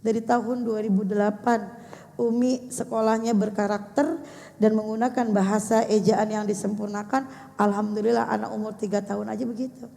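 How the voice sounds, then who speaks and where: An older woman giving an animated religious talk to a gathering of mothers, speaking to them directly. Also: mid-range voice, normal speed, creaky. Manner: animated, addressing the mothers directly, acting out how to speak to children. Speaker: religious teacher. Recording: echoey hall sound.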